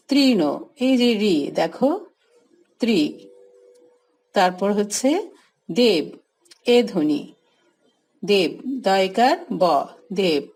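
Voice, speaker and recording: A woman's voice: mid-range voice, darkish tone, low-quality recording. A woman with a Bangladeshi Bengali accent teaching a grammar lesson, spelling words out letter by letter and repeating each point. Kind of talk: grammar lesson, slow explanation.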